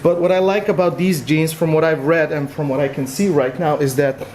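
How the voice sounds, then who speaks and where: A man with a Dutch accent talks through an unboxing in loose, casual chat, full of "uh" fillers. His voice sits a touch higher than most men's. A faint hiss of noise runs under it. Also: brisk. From Netherlands. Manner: relaxed, rambling, frequent "uh" fillers. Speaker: vlog co-host.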